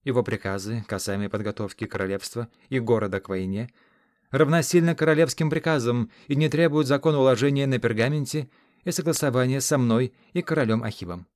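A man's voice: medium pitch, brisk, darkish tone, no echo, studio quality, close to an everyday voice. Commanding young queen in an audiobook, read by a man; decisive, proclamatory.

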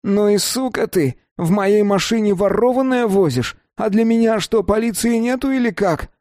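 A man voicing a hot-tempered young man who curses loudly and indignantly. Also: high-pitched, moderate pace, no echo, studio quality, pitched above the performer's own voice, close to an everyday voice. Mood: furious. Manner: loud, cursing, indignant.

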